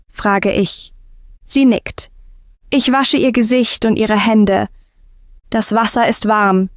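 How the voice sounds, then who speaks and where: Slow, calm woman narrating a story. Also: fairly high pitch, dry recording, clean studio sound. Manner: calm, simple short sentences. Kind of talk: scripted first-person story narration for German learners.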